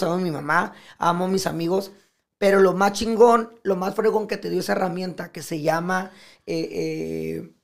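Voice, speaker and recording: Gravelly Mexican man, animated and profane. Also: sits high. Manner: animated, profane, acts out quoted speech. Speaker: podcast guest. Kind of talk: casual podcast conversation.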